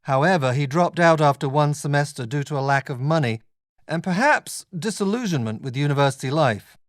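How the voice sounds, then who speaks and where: A man playing a measured, scholarly literature lecturer, giving a scripted academic lecture to a class in a deliberate, explanatory way. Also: on the high side, expressive, no room sound, studio quality, close to an everyday voice.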